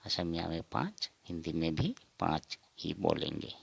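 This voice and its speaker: A man teaching a counting lesson, saying each number slowly and asking and answering his own questions. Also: low voice, animated, gravelly, husky. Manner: repeats each word, asks and answers himself. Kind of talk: slow spoken counting lesson.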